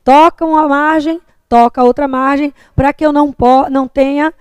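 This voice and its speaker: Brazilian lady teacher, kinda high voice, dry close sound, keeps asking "tá?". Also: fairly even intonation, normal speed, no echo. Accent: Brazilian Portuguese. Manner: patient, explanatory, frequent checks like "tá?". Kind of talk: classroom lecture on writing.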